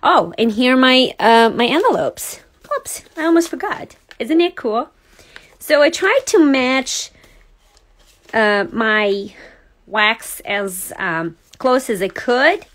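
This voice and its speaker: Chatty high-voiced woman crafting. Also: expressive, takes it slowly, a bit bright, rough recording. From Serbia. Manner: chatty, thinks aloud, laughs easily. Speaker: card-making host. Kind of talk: casual craft demo livestream. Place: craft desk indoors. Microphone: overhead camera on desk.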